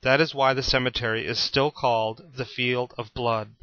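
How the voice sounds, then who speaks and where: A man giving a scripted Bible reading in a steady, plain storytelling manner. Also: medium pitch, normal speed, no room sound, dull audio. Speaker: Bible reader.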